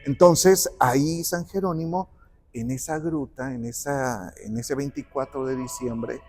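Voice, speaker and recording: Man, conversational storyteller, acts out dialogue, mellow dark voice, faint background music. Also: medium pitch, unhurried. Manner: animated, acts out quoted dialogue. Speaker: guest speaker on the parish patron saint.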